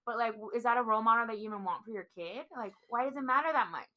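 A woman's voice: fairly high pitch, racing, sharp tone. A young woman co-hosting a casual chat, blunt and opinionated, swearing freely. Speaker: podcast co-host.

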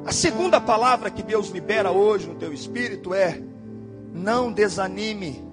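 A male pastor preaching an impassioned sermon at a church service, swinging between shouted declarations and low, rapid asides. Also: lively intonation, music in the background.

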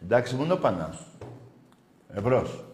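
A foul-mouthed man hosts a football call-in show, scolding callers and erupting into shouts. His voice has a middling pitch. The room around him is echoey. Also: very animated. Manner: combative, swearing, shouting bursts. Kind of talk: rowdy call-in football talk.

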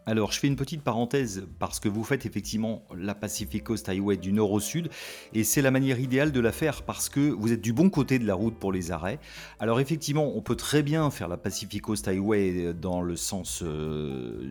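A male podcast host with a husky, fairly low voice steps in with short practical tips. His tone is conversational, and faint music sits under the talk. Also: darkish tone. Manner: adds brief advisory asides.

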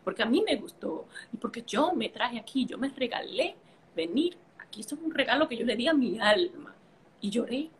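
A fairly high-pitched woman speaks at a moderate pace with lively intonation, over slight background noise. She comes from a Caribbean island and, as a podcast conversation partner in a casual chat, tells a vivid, emotional personal story, filling lulls with playful sounds.

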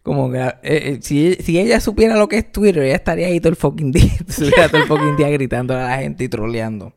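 A man's voice: fast talker, gravelly. A young man telling a funny childhood story on a podcast, acting out voices and mixing in English words. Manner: animated storyteller, acts out voices with high-pitched whines. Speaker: podcast co-host. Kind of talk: casual storytelling chat.

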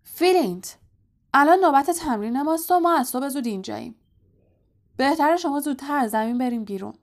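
A woman voicing a hot-tempered teenage boy captain who talks loud, quick and bossy. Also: a little high, creaky. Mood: angry.

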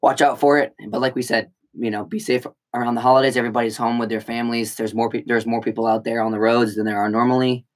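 A man's voice: mid-range voice, flat delivery, fast, hardly any pauses. A young man co-hosting a podcast in casual chat, throwing in joking asides and banter. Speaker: podcast co-host.

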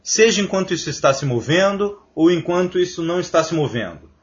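A man giving a religious scripture lecture, emphatic and lecturing, reciting Sanskrit verses slowly and deliberately. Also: sits high, expressive. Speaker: spiritual lecturer. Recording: dull lo-fi lecture recording.

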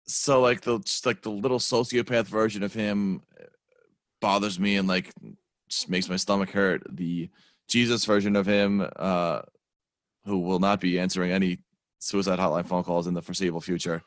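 A man's voice: low-pitched, little pitch movement, normal speed, no room sound, clean studio sound. A man co-hosting a casual movie review podcast, blunt and rambling, with lots of "um" and "like.". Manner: blunt, rambling, frequent fillers. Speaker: podcast co-host.

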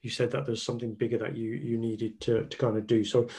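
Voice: mid-range voice, flat delivery, quick pace, dark tone. A podcast host asking encouraging questions, often repeating words while building a question. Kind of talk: conversational interview.

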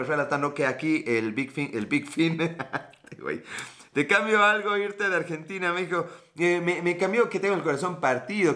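A Mexican man with a bright, forceful voice pitched a little high, joking his way through a live stream. He talks in loose, slangy tangents and laughs often. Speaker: live streamer reading chat. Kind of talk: casual comedic live chat.

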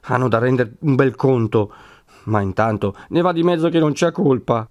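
A man's voice: medium pitch, normal speed, dry recording, lo-fi sound, close to an everyday voice. A man voicing a timid, anxious old village priest who frets and grumbles. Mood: grumbling.

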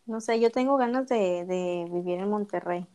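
A woman's voice: mid-range voice, moderate pace, mellow. A young woman with a Mexican accent, a university student talking casually, full of slang, fillers and restarts. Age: young adult. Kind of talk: casual chat.

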